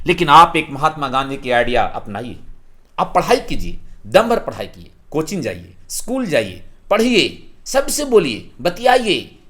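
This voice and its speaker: A man with a Bihari accent teaching a history lesson for exam students, posing questions and answering them himself. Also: fairly high pitch. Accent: Bihari Hindi. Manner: lively, asks and answers his own questions.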